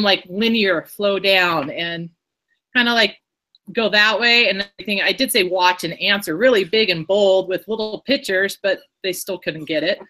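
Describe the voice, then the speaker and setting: A woman teacher talks through how she built a lesson. Her voice is bright and forward. She rambles in a chatty way and restarts her sentences often. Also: mid-range voice. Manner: rambling, self-correcting, chatty. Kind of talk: casual explanation in an online workshop.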